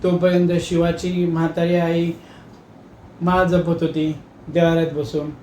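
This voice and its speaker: A man telling a comic story in a lively, dramatic way. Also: on the high side, unhurried, roomy sound, a little hiss or hum.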